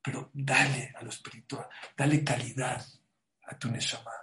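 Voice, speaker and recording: Man, sermon, emphatic, repeats key phrases, mid-pitched voice. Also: level tone, moderate pace, pushed and bright, slight background noise. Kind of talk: sermon with parable.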